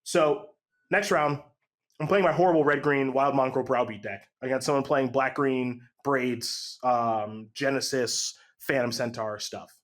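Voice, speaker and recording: A man casually telling a long gaming story on a podcast, lively and acting out the voices of the people in it. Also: medium pitch, a little slow. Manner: animated, acts out quotes with voice jumps.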